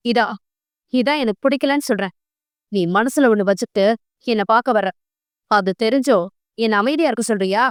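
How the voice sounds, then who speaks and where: A woman narrator puts on a young man in a temper, snapping out harsh, fast rebukes in a storybook reading. The voice stays smooth and dry, pitched high. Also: animated, no echo, lightly acted. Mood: angry scornful. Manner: harsh, rapid scolding. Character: young man, angry, scornful cousin.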